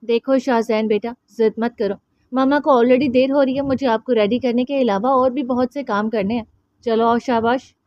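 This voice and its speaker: A woman's voice: fairly high pitch, steady tone, moderate pace, highs cut off, natural voice. A woman voicing a young mother who loses her temper with her son, scolding sharply. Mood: coaxing.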